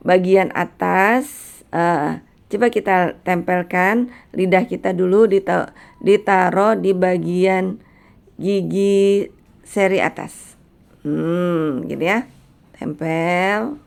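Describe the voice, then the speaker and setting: Woman, middle-aged, gentle recitation teacher, slow and patient, gravelly low voice. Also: fairly even intonation. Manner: gentle, encouraging, demonstrates sounds slowly. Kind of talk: patient spoken lesson on letter pronunciation.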